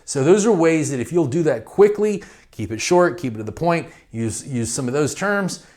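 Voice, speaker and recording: A man's voice: fairly high pitch, expressive, moderate pace, darkish tone. A middle-aged man giving a training lecture on real estate investing, talking directly and conversationally and acting out phone calls to realtors.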